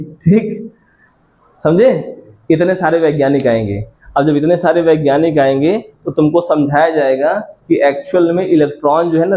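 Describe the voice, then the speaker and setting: A man's voice: fairly high pitch, darkish tone. A male science teacher giving a classroom lecture, repeatedly asking students questions and answering them himself, calling them child affectionately.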